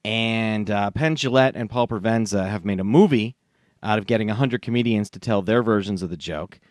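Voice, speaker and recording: A man hosting a podcast, telling a crude joke with a laughing, animated delivery. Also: lowish voice, fairly quick, no echo, studio quality. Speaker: podcast host. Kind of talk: comic storytelling.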